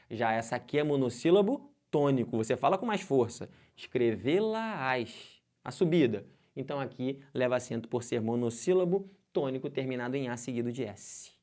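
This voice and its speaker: Lively Brazilian man teaching grammar. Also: medium pitch. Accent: Brazilian Portuguese. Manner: lively, asks the class questions, stretches out example words. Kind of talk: exam-prep grammar lesson.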